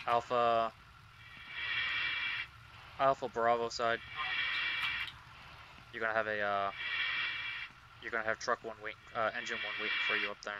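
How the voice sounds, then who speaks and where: A man playing incident commander in an online firefighting game, giving halting radio-style orders and chatting casually. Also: lowish voice, completely flat delivery, dull audio. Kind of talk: role-play radio dispatch and casual gamer chat. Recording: noisy voice chat with vehicle sounds. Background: loud game vehicle noise and ambience.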